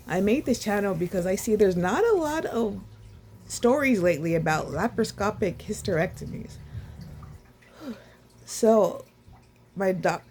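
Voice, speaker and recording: A woman vlogging casually about her recovery, sore and short of breath, with a sore throat, talking haltingly with sighs and restarts. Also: medium pitch, darkish tone. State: sore and winded after surgery.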